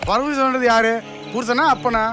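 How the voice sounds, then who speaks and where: An actor playing a curt, sarcastic police officer questioning a family. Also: male voice, very high voice, fairly even intonation, normal speed, over music. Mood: curt mocking. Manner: curt, mocking. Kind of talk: Tamil film drama acting.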